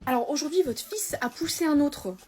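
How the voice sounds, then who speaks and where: High voiced woman doing a pushy overprotective mom bit, bit of music underneath. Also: animated, brisk, a little mellow. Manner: plays fussy, overprotective parents. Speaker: sketch comedian. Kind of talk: comedy sketch.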